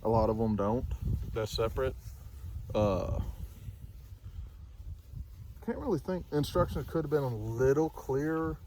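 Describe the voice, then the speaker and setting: A plain-spoken man talks through a do-it-yourself job in a loose, rambling way, restarting sentences and correcting himself as he goes. His voice sits at an ordinary middle pitch. He is recorded outdoors, with a faint hiss of outdoor noise behind him. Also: normal speed, warm tone. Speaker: vlogger. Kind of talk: casual how-to vlog. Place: outdoors by a truck.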